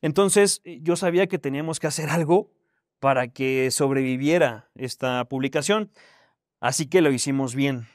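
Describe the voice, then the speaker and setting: A man in his thirties from Mexico with a Mexican accent, giving a casual, animated talk to university students and telling his story with plenty of slang. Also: medium pitch, moderate pace, dry recording, clean studio sound. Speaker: guest speaker.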